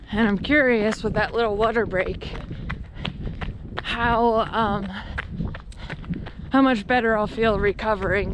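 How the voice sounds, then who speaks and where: An American woman in her thirties chatting candidly to the camera in effortful bursts while running. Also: on the high side. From Pennsylvania, United States. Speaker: running vlogger. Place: outdoors on a rural road. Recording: outdoor wind and passing traffic noise.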